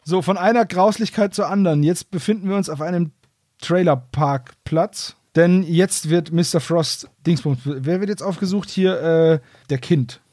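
A man's voice: high voice, normal speed, a little mellow, no room sound, clean studio sound. A man chatting casually and jokily as a podcast co-host, in colloquial speech. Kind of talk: casual discussion.

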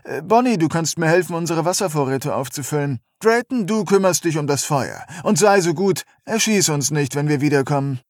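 A man's voice: a little high, lively intonation, brisk, hardly any pauses, dry recording, studio quality, pitched above the performer's own voice, close to an everyday voice. A man reading aloud, voicing a large, domineering young man who leads the group with taunts and orders. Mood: bossy. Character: big, bossy young male leader.

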